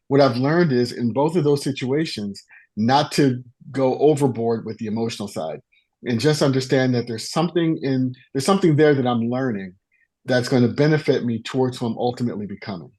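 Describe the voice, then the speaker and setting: A man on a podcast calmly explaining his personal philosophy in a reflective, casual way. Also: medium pitch.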